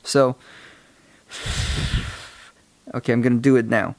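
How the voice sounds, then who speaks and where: A man giving a casual how-to lesson, explaining things in a halting, rambling way. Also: medium pitch, clean tone, dry recording. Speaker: tutorial presenter. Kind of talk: casual instructional talk.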